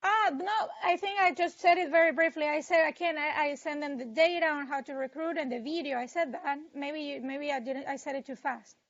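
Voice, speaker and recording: A woman's voice: sits high, fairly quick, few pauses, dull audio. A woman interpreting in a training session, talking hesitantly with lots of "like" and restarts. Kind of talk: casual practice conversation.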